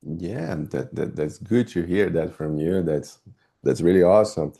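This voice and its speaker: A man's voice: sits low, unhurried, creaky, dark tone. A man asking casual questions as an interviewer.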